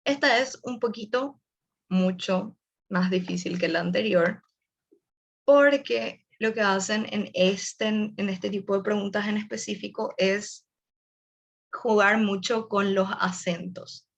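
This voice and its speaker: Speaking slowly with vocal fry, a young woman with a mid-range voice presents a casual online webinar. She shares tips and talks straight to her viewers, and the recording is muffled.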